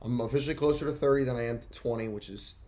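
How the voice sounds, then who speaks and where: A twenty-five-year-old man chatting casually as a podcast co-host. His voice sits in an ordinary middle pitch. He rambles through stories and repeats lines for emphasis. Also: rapid-fire, warm tone. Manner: rambling storyteller who repeats phrases.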